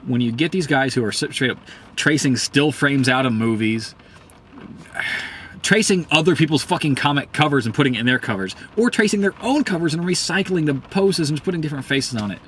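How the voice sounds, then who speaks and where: A man giving a casual, profane, heated commentary, rambling with many fillers and swinging up in pitch when worked up. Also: lively intonation, a little fast, fairly bright tone, a little hiss or hum. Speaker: host.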